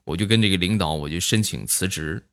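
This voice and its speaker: A man's voice: deep voice, fast talker, fairly bright tone. A man telling comic anecdotes in a chatty way, full of tag questions. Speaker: stand-up storyteller. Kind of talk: comic monologue of short anecdotes.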